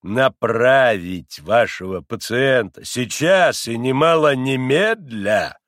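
A man reading aloud and voicing a haughty, impatient doctor who speaks slowly and pompously, hammering every syllable. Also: a little high, expressive, no room sound, clean studio sound, pitched above the performer's own voice. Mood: condescending. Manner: clipped, pompous, stressing each syllable. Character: haughty impatient middle-aged male doctor.

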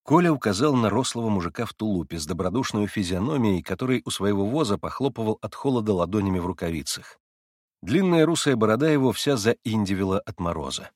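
A man narrates a classic novel in a measured, expressive way. His voice moves lively through its pitch range. The recording is close and dry, with no room sound. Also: no room sound. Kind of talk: reading a classic novel aloud.

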